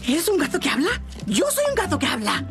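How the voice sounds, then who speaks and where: An actor voicing a cheerful, naive, chatty little dog in an animated film, excitable and gushing. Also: high-pitched, a little fast, over music, heavily acted. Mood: excited, friendly.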